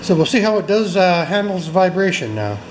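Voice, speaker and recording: This garage workshop host is a chatty, self-mocking man who jokes with his viewers while he works. He speaks at a normal pace in a high voice with big pitch swings, over some background noise.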